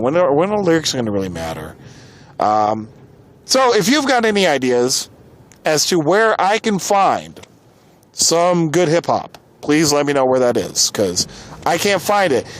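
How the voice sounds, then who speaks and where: An American man hosts a podcast, offering casual opinion commentary in an exasperated, informal, emphatic manner. His voice is fairly high and sing-song at a moderate pace, and the background is clearly noisy.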